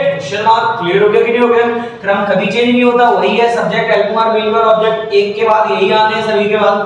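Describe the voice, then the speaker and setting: High-voiced teacher lecturing in an echoey classroom. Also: male voice, a bit bright, slight background noise. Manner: repeats questions back to students, checks understanding. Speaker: English grammar teacher. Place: coaching classroom. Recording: echoey room, mic far off.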